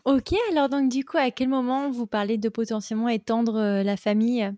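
A woman hosts a casual podcast interview and puts friendly, informal questions to her guest. Her voice sits a little high. The recording is dry and close. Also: steady tone, brisk, warm tone, no echo. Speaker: podcast host.

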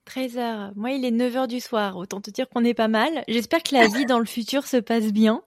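Chatty higher-voiced woman host. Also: moderate pace, no echo, clean studio sound. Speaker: podcast host. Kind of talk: casual interview hosting.

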